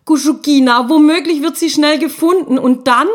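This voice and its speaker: A high-strung little boy school ghost, voiced by a woman reading a storybook chatters eagerly in a squeaky voice that leaps about. He is small and easily excited. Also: measured pace. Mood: worried.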